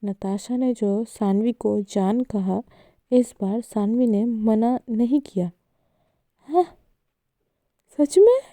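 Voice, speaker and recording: Slow, mellow-voiced woman telling a story. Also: fairly high pitch, fairly even intonation, no echo. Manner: chatty, mixes in English words, talks to listeners. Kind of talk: casual story narration.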